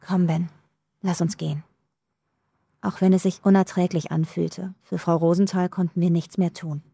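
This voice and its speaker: Low, gravelly woman narrating an audiobook. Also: mellow, dry recording, studio quality. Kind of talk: first-person audiobook narration.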